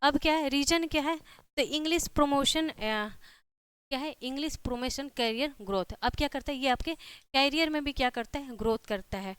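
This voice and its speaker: In a classroom lecture, a woman with a Hindi accent repeats her points and checks in with "theek hai" ("ठीक है") after nearly every phrase. Her voice sits high with a fairly bright tone at normal speed, and the recording is dry.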